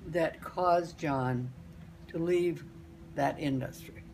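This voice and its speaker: An elderly woman, a grandmother, casually telling family stories in a halting, rambling way and repeating phrases for emphasis. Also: low voice, vocal fry, a little mellow, a little hiss or hum. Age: older, grandmother.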